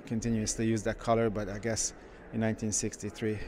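A man who runs a car shop, walking through a car museum and giving casual, enthusiastic commentary with frequent pauses. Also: fairly low pitch, flat delivery, noisy background. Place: indoor car museum halls.

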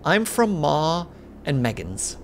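Man voicing a quiet formal messenger, uneasy, gravelly, storybook reading. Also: on the high side, sing-song, slow, a little hiss or hum, full character voice. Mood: somber.

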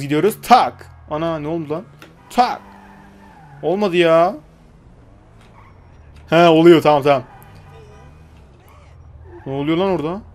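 A young man giving casual, joking gameplay commentary, chatting to the characters on screen and swearing lightly. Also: a little high. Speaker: gaming YouTuber.

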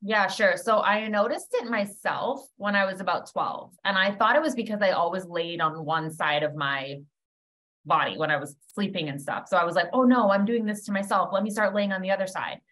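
Her voice here is mid-pitched, quick, and slightly bright. This thirty-something Canadian, originally born in Trinidad, joins a podcast over video call from a room indoors, telling personal stories in a loose, casual way full of "like."

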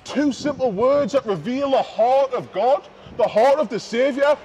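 A high-pitched man preaches in the open air on a city street. He hammers home key phrases, repeating them, and swings between loud proclamation and quiet intensity. The recording is dull and lo-fi, with faint street noise behind him. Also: a little slow.

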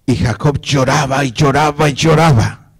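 A man's voice: mid-range voice, normal speed, slightly rough. A man preaching a passionate sermon, acting out biblical prayers and calling out to his listeners as brothers. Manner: impassioned preaching, repeatedly addressing listeners as brother; acts out biblical speech with fervor. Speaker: pastor.

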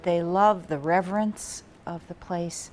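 A woman's voice: on the low side, steady tone, unhurried, a little mellow, soft background music. A woman speaking earnestly in an unscripted interview, repeating phrases for emphasis. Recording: noticeable background ambient noise.

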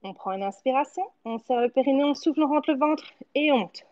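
A woman in her thirties coaches a home workout from an indoor living-room studio, giving short encouraging cues and counting reps as she exercises. Her high voice is brisk and a little mellow, with lo-fi sound.

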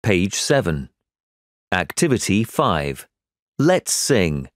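A man reading page and activity numbers for a textbook audio, slow and clear. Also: sits low, very animated, no room sound, studio quality.

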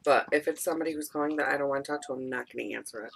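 A woman's voice: a bass voice, racing, fairly bright tone. A woman chatting casually and offhand as a teasing co-host on a home vlog. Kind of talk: casual chat. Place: small indoor room at home. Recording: clearly noisy home camera audio.

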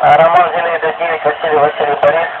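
A man's voice: fairly high pitch, little pitch movement, quick pace. A man speaking as a space station radio operator during an amateur radio contact, over a radio transmission. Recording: very noisy narrowband radio link, static.

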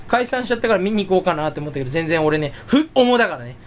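Solo YouTuber man, self-mocking rambler, very lively pitch, faint hiss behind. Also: fast. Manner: rambling and self-mocking, jumping between topics. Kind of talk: casual solo chat.

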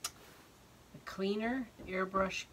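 An older woman in her sixties, slightly hoarse from a cold, talks haltingly and casually through an unboxing, thinking aloud as she goes. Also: mid-range voice, fairly even intonation, a bit bright. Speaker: art vlogger unboxing supplies. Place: indoor home art studio, wood-beamed. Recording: noisy room, clicks and rustling.

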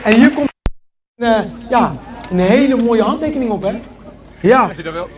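A man's voice: very high-pitched, lively intonation, normal speed. A man hosting a prize ceremony outdoors, announcing winners and calling out names to a crowd. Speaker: vlogger and event host. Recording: loud crowd behind.

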